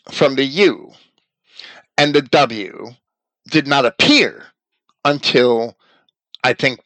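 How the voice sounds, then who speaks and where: Slow, deliberate man lecturing. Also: mid-range voice, pushed and bright, no echo, low-quality recording. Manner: measured, deliberate, self-correcting. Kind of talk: scripted religious lecture.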